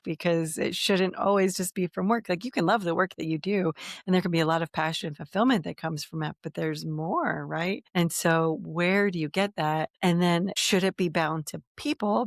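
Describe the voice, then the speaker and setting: A woman's voice: lowish voice, no room sound, studio quality. Reflective woman in her fifties hosting. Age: 50s. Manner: reflective, circling back on her own thoughts. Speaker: podcast host. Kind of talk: casual podcast conversation.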